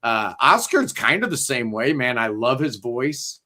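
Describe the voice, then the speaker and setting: A man's voice: medium pitch, big pitch swings, unhurried, pushed and bright. A man hosting a casual podcast panel, talking enthusiastically and jokily with lots of fillers. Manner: enthusiastic, jokey, loose with fillers. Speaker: podcast host.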